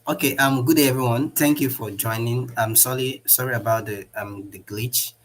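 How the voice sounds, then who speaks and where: Trainer on a video call: a polite man who opens the workshop, mid-pitched and a bit distant-sounding. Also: steady tone, normal speed, a little hiss or hum. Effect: heard over a video call. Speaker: workshop trainer, blockchain developer. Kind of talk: opening a live online workshop.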